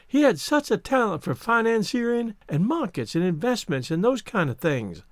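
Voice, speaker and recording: A woman's voice: medium pitch, big pitch swings, no room sound, studio quality, voice pushed up, close to an everyday voice. A man voicing a dreamy elderly Southern poetess. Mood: gushing. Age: older. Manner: wistful, poetic, slow and lilting.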